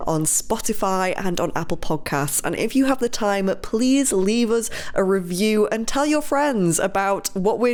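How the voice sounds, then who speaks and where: A woman's voice: medium pitch, darkish tone. Upbeat woman podcast host. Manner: upbeat, laughs easily. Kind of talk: interview questions and podcast outro.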